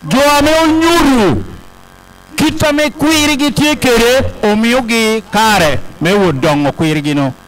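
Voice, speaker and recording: A man interprets a podium speech in a high voice. He relays it aloud, one short phrase at a time. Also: expressive, a little slow, a bit bright, low-quality recording. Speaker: consecutive interpreter at a ceremony.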